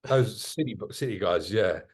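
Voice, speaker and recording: A man co-hosting a casual podcast, talking in quick, joking bursts. He trips over his own sentences and restarts them. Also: fairly low pitch, husky. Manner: animated, self-interrupting, jokey. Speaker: podcast co-host. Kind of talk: casual market chat.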